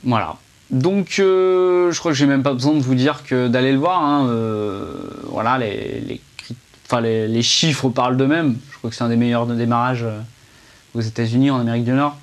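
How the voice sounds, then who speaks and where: A man's voice: mid-range voice, normal speed. A man giving a casual film review to camera, chatty and hesitant, with many fillers and restarts.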